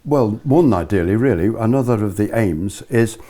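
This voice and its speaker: Mellow, low-voiced British male ski instructor. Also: lively intonation, normal speed. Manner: chatty, explanatory, checks with listeners. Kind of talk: informal spoken lesson with demonstrations.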